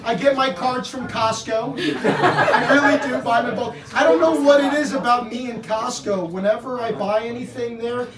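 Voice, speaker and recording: A man's voice: extremely high pitch, normal speed. Joking party magician, man in an echoey room. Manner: party magician patter, joking, teasing volunteers. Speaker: magician performing at a birthday party. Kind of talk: live party magic act with patter. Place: indoor party room with guests. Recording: echoey room, distant mic, noisy audience. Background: guests laughing and reacting.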